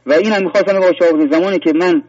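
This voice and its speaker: A man's voice: sits high, darkish tone, no echo. Earnest male caller on a muffled line. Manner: earnest, rambling with many fillers and restarts. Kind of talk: phone-in sharing a personal story. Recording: muffled phone-in line, distant.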